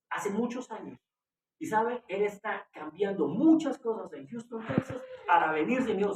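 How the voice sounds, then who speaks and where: A Colombian man preaching a passionate sermon as pastor, rising to loud emotional peaks. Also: very high voice. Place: small house meeting room. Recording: echoey room, far from the mic, noisy.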